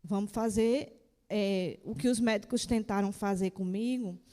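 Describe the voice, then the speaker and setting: A woman giving an earnest church testimony, pausing and restarting often as she speaks. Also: medium pitch, warm tone. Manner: earnest, hesitant, many restarts. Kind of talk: spoken testimony. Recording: long hall reverb.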